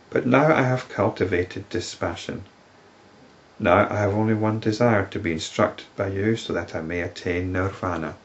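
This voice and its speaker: Imploring woman seeker from an old text, read by a man, low creaky voice. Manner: earnest, imploring recitation.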